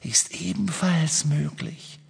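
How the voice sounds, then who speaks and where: A man voicing an evil, menacing voice hissing out of a locket, slow and taunting in a half-whisper. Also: a little high, steady tone, gravelly, slightly rough, in a large hall, pitched above the performer's own voice, full character voice.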